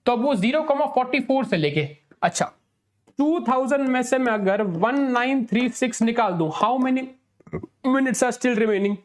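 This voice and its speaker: A man's voice: extremely high pitch, animated, normal speed. A man with an Indian accent and a sore throat, teaching an exam-prep lesson and repeating steps, often asking for a yes or no. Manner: repetitive, asks for yes or no.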